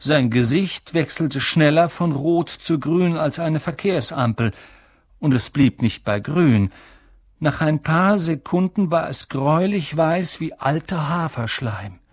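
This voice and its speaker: Slow, expressive audiobook narrator. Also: medium pitch, husky, no echo, studio quality. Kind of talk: scripted narration.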